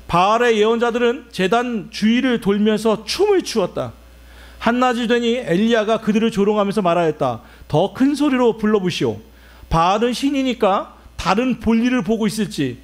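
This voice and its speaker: A male pastor preaching a sermon, asking the congregation rhetorical questions as he explains the text. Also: high voice.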